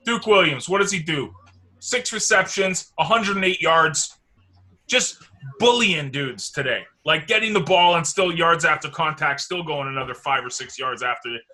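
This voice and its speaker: Brief: male sports-show host, higher-pitched, very bright tone, loose rambling chat. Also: moderate pace. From Canada. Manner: loose, rambling, swears casually.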